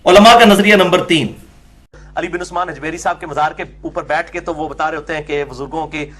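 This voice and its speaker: A man's voice: on the high side, fairly even intonation, fairly quick, a crowd in the background. A man giving a religious lecture to an audience, emphatic and argumentative, often asking and answering his own questions.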